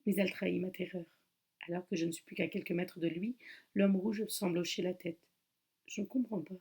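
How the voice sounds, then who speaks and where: A woman giving a dramatic first-person thriller reading in a tense, hushed delivery. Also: medium pitch, breathy edge. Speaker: reader.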